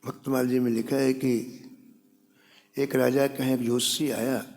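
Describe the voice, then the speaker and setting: A man's voice: medium pitch, little pitch movement, normal speed, a little mellow. A man preaching a sermon, telling a devotional story and briefly acting out the characters' lines. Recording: long hall reverb.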